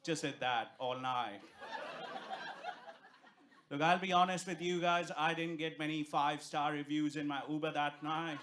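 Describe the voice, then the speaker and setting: A young man from India with an Indian accent performs stand-up on a comedy club stage in front of a live audience, firing off brash, profane punchlines as laughter rises around him. His voice is a little high with fairly even intonation, and he speaks at a measured pace, pausing often, over background noise.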